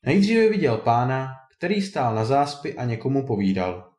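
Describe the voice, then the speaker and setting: A man narrating a folk fairy tale in an expressive, unhurried reading. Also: medium pitch, echoey room. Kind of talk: storybook reading.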